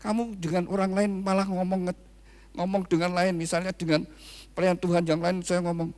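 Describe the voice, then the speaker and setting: Male pastor, slightly high voice, telling a story to the congregation in a reverberant hall. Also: little pitch movement, fairly quick, a little mellow. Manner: storytelling, often addresses the congregation as "saudara". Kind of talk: wedding sermon with personal story.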